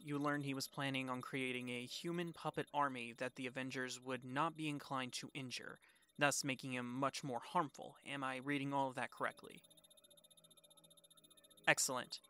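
A man playing a dutiful government agent in a fan audio roleplay, speaking in a brisk, official way. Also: medium pitch, sharp tone, clean tone, natural voice. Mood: businesslike.

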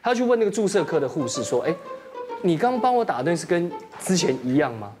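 A man's voice: on the high side, fast, over music. A man, a guest on a talk show, telling an anecdote casually and acting out the people in it. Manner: animated storyteller acting out quoted people.

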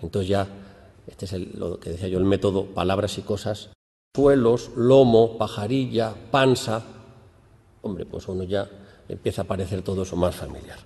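A man gives an academic lecture in a mellow, fairly low voice. He explains patiently and lifts his voice for emphasis when he acts out questions. The recording carries a long hall reverb. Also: normal speed, gravelly.

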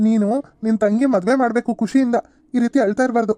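A calm young husband from a cartoon serial, voiced by a woman, talking softly and reassuringly. The voice sits a bit high for a man, with a mellow, dark tone. He explains things patiently to his wife and in-laws. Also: normal speed, no room sound, close to an everyday voice. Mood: gentle.

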